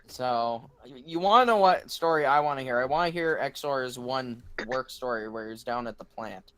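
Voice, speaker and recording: A man's voice: mid-range voice, normal speed, fairly bright tone, clear, resonant tone, no room sound. A man co-hosting a podcast, steering the casual chat between stories. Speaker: podcast co-host.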